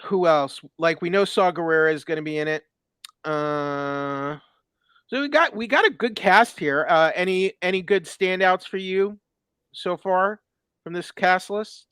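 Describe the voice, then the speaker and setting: Male co-host, high and smooth, casual and halting with lots of uh and restarts. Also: fairly bright tone, no room sound. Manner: hesitant, many fillers and restarts. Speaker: watch party co-host. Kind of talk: casual pop-culture chat.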